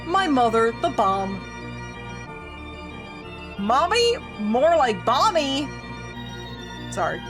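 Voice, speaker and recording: A woman streamer voices a spooky visual novel with calm narration broken by excitable jokes, music running behind her. Her voice is high-pitched; she draws out words and pauses often.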